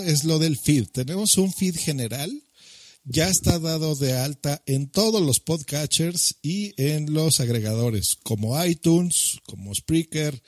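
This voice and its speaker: A man's voice: a little high, darkish tone, no echo, clean studio sound. A man co-hosting a podcast, explaining the event rules in casual chat with lots of fillers.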